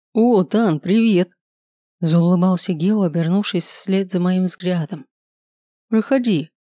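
A reader tells a first-person story at a measured, even pace, reading out chapters of a novel. The voice sits at a middling pitch. The recording is dry, with no room echo. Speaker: audiobook reader. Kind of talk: scripted first-person narration.

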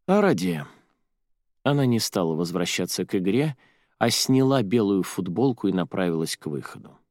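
Male narrator for young-adult fiction, expressive, low, dry booth. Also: fairly quick, no room sound. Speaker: audiobook narrator. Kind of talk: storybook narration.

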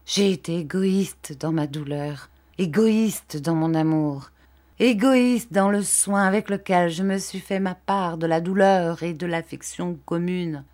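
Lady reading as a wrecked older dad, anguished and pleading, slow and lowish. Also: a little mellow, natural voice. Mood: despairing. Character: broken older man, despairing father.

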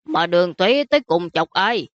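A woman voicing a vain, plump older prince who grumbles in a slow, huffy way. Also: lowish voice, lively intonation, no room sound, lo-fi sound, close to an everyday voice. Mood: grumpy.

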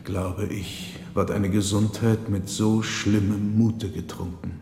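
Slow, low-voiced male narrator. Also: flat delivery, gravelly, mellow. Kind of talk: scripted literary reading for radio. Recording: roomy with long reverb, faint noise.

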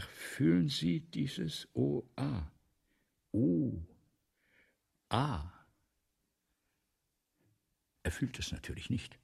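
In a theatrical German radio play monologue, a man with a medium-pitched, full character voice plays Balzac, an obsessive, vain writer who rambles and forgets things. His husky, gravelly tone often breaks into a breathy whisper. He sounds grandiose and insistent, declaiming haltingly, correcting himself and repeating phrases.

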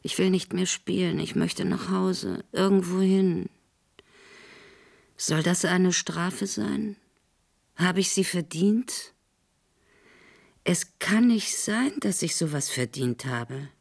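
A woman's voice: lowish voice, slow pace, creaky, long pauses, darkish tone, heavily acted. An actress playing a frightened young woman narrating her own plight in a tense inner monologue. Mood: weary. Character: frightened young woman, nervous, planning to flee. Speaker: narrator-protagonist.

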